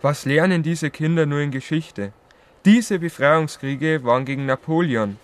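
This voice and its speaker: A man's voice: on the high side, unhurried, lightly acted. A man playing a grumpy, proud old king who grumbles pompously about the young in an educational audio drama. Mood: grumpy, indignant.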